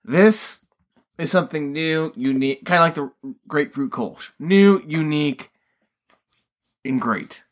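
A man's voice: fairly high pitch, expressive, unhurried, long pauses. A man co-hosting a podcast in casual chat, rambling and swearing freely as he talks. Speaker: podcast co-host.

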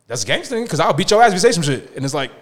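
A man in casual podcast chat who talks in a fast, emphatic and opinionated way. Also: on the high side, big pitch swings.

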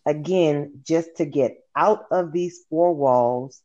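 A guest sharing personal habits in a measured, reflective way. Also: mid-range voice, dark tone. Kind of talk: casual interview chat. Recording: dull lo-fi line.

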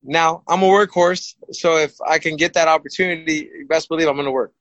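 A man who is a boxer, telling stories as a guest in a casual, rambling and animated way, often repeating himself. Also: on the high side, a little fast, no room sound, lo-fi sound. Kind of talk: casual storytelling. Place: studio set, live stream.

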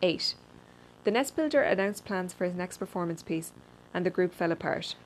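A woman reads a personal essay aloud in a dry, deadpan manner, with a slightly low voice. She sometimes trips over a word and restarts it. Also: normal speed, a little hiss or hum, low-quality recording. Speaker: reader.

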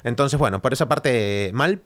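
Animated storytelling man, mid-pitch. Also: moderate pace. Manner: animated storyteller, acts out news quotes. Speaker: podcast co-host. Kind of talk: casual chat.

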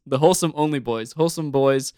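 A man co-hosting a comedy podcast, chiming in with quick remarks. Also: fairly high pitch, mellow, no echo, clean studio sound. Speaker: podcast co-host. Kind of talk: casual comedic chat.

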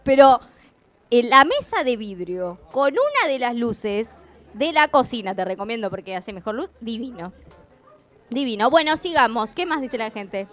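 A woman's voice: fairly high pitch, big pitch swings, moderate pace, a bit bright. A woman with an Argentine accent co-hosting a live radio show, chatting in a playful, bawdy way. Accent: Argentine Spanish. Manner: playful, bawdy, laughs often. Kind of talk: casual banter on live radio.

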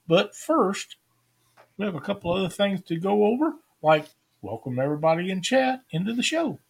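A man's voice: sits high, very animated, normal speed, vocal fry, breathy edge. A man hosting a live fishing stream, talking casually and rambling through stories with homespun grammar.

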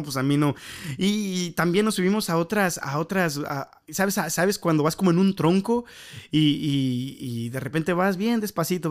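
A young man with a Mexican Spanish accent hosts a solo podcast, his voice sitting a little on the high side. He rambles through a story with many fillers and repeated words. His tone stays casual and unscripted. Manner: rambling, lots of fillers and repeats, laughs at himself. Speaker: podcast host.

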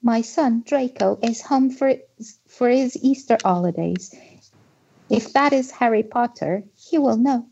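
A man's voice: extremely high pitch, a little slow, gravelly, dark tone, highs cut off, a little hiss or hum, voice pushed up, exaggerated voice. A man voicing a cold, haughty aristocratic woman.

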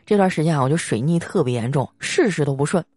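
A woman's voice: low voice, husky, dry recording, clean studio sound. A young woman doing a comic storytelling monologue, joking and drawing out her particles. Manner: lively, joking, sprinkled with drawn-out particles. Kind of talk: comic monologue with sponsored segment.

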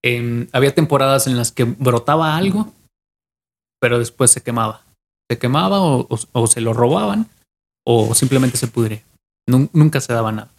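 A young man with a Mexican accent tells an old legend on a casual podcast. He pieces the story together from memory, circling back over his words and restarting phrases as he goes. His voice sits at an ordinary middle pitch. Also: lively intonation, moderate pace, gravelly. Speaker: podcast co-host.

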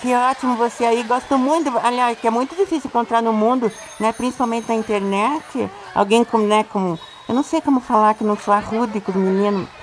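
A woman's voice: on the high side, fairly quick, few pauses, a little hiss or hum, lightly acted, low-quality recording. A woman voicing a snobbish, rich female correspondent calling in from abroad, haughty and affected. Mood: snooty. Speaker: caller.

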